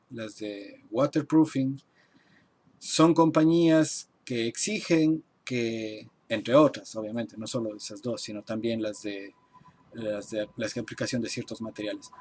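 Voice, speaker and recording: A man teaching a live online class at his computer, explaining and translating terms slowly and step by step, with typing heard behind him. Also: mid-range voice, darkish tone. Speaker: architect teaching construction English. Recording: faint noise and keyboard typing. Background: keyboard typing.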